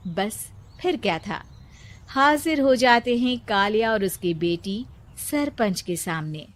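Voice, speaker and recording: A woman's voice: medium pitch, lively intonation, slow. A woman narrator reading a scripted moral story.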